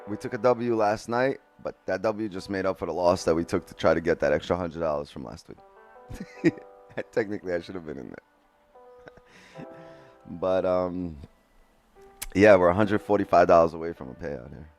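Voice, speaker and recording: With a low, darkish voice, a moderate pace and frequent pauses, a day trading streamer narrates his trades on a live stream. He addresses chat in a relaxed, talkative manner, swears now and then, and uses a headset mic while faint music plays.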